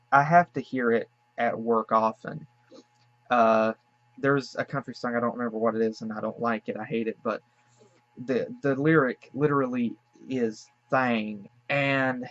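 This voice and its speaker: A man's voice: mid-range voice, a bit bright, no echo. Guy from the american south reacting to an old cartoon, hesitant and rambly, lots of ums, muffled lo-fi sound, dry. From Southern United States. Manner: hesitant, musing, frequent fillers and apologetic asides. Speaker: cartoon reaction channel host. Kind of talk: casual reaction commentary. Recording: dull lo-fi dry recording.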